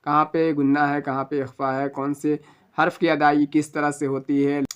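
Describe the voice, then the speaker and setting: A man's voice: a little high, little pitch movement, clean tone. A man teaching Quran reading, spelling out each letter patiently and stretching the vowels as he recites.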